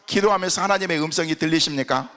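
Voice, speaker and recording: Male pastor, middle-aged, high voice, sharp tone, sermon with anecdotes, long hall reverb. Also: quick pace. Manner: storytelling, animated, acts out dialogue. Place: large worship hall at a prayer retreat.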